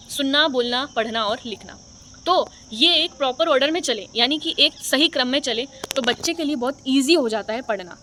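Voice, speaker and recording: A woman's voice: sits high, sharp tone, slight background noise. A young woman teacher giving an exam-prep lecture, explaining patiently, repeating her points and often checking in with her listeners. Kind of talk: exam-prep lecture in Hindi mixed with English.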